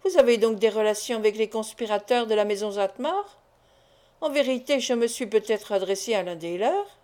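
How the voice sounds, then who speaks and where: A woman's voice: on the high side, lively intonation, normal speed, dark tone, lightly acted. A woman reading the lines of a scheming male agent who insinuates and threatens, in an audiobook. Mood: ironic.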